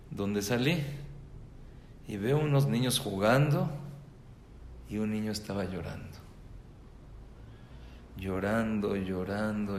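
A man with a lowish voice tells a story to an audience of mothers, repeating words for emphasis and voicing the characters. The storytelling talk is recorded in an echoey room with faint ambience and a little hiss or hum.

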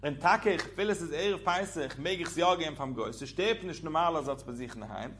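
A man's voice: a little high, brisk, a bit bright, a little hiss or hum. A man giving a religious law lesson in a sing-song, swooping teaching cadence.

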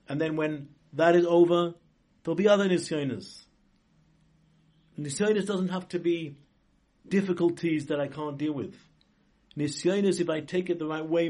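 Guy rabbi giving an informal sermon, kinda high voice, stops and restarts, stresses words hard. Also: mellow. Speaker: rabbi giving a religious talk. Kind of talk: informal sermon, inspirational religious lesson.

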